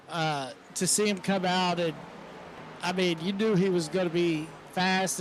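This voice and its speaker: Male color commentator, high voice, easygoing and filler-heavy, faint noise behind. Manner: casual, chuckling, filler-heavy. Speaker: sim racing color commentator. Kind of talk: live race commentary.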